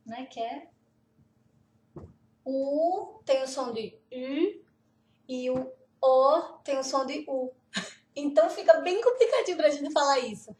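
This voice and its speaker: Slow, high-voiced woman teacher in echoey room. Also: animated, darkish tone, far from the mic. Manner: slow, repeats words carefully, laughs often. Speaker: language teacher. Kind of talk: teaching Norwegian pronunciation. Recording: roomy echo, off-mic.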